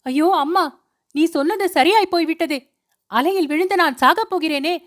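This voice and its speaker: A woman's voice: sits high, expressive, normal speed, a bit bright, voice pushed up. Woman doing a hysterical, sobbing young wife. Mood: wailing. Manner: wailing and sobbing.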